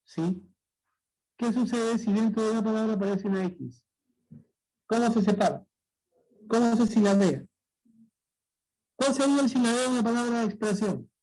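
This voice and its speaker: Husky high-voiced male teacher. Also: moderate pace, pauses often, dark tone, poor audio. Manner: patient, repetitive, checks understanding often. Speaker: language teacher. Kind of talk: exam-prep lesson.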